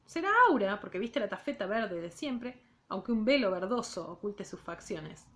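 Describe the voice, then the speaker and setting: A woman with an Argentine accent, a literature teacher, reading a novel aloud in class and pausing to comment on it casually. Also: mid-range voice, animated. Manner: reads in second person, breaks off for casual remarks.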